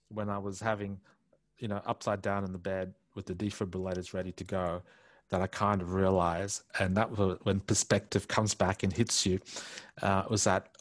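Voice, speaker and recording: An interview guest in his fifties, born in India and speaking with an Australian accent, talks in a deep voice with no echo. Wearing a headset on a video call from his home study, he recounts his life story candidly, reflective and full of restarts and filler phrases.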